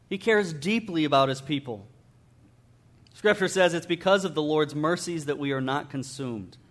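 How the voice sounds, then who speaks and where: A middle-aged man delivers a sermon in a plain, conversational way. His voice sits a bit on the high side, and he often doubles back on his words as he explains. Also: a bit bright. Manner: conversational preaching with frequent repetitions and restarts. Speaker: pastor.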